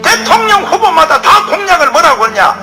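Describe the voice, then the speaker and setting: A male pastor giving a fiery sermon lecture, emphatic, often shouting and throwing rhetorical questions at the audience. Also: very high-pitched, big pitch swings, brisk, rough recording. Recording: music playing under the speech.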